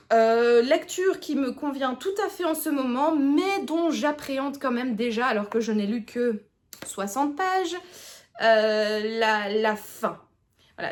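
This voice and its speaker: Woman, 30s, book vlogger: chatty, hesitant, self-mocking; slightly higher voice. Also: a little slow. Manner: chatty, many hesitations, laughs at herself. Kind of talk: casual book review chat.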